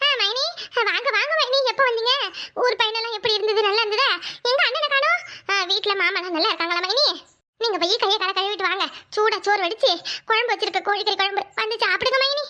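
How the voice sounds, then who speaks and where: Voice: extremely high pitch, fast, sharp tone. A performer voicing a frantic young sister-in-law who wails to God and mutters to herself. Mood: falsely sweet. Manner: wailing, calling on God, talking to herself. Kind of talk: Tamil family drama voiceover.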